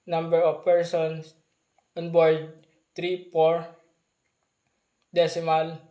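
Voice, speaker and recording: Man calling in over a walkie-talkie, flat and slow. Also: on the high side, dull audio. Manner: slow and flat, spelling out call signs. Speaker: ship radio operator in a role-play. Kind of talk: formal marine radio procedure. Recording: roomy, echoey recording.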